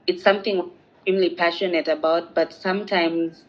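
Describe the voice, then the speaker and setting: A young Zambian woman, a feminist advocate, answers interview questions earnestly and reflectively. Her voice is on the low side, brisk, with fairly even intonation, and the recording sounds dull and lo-fi.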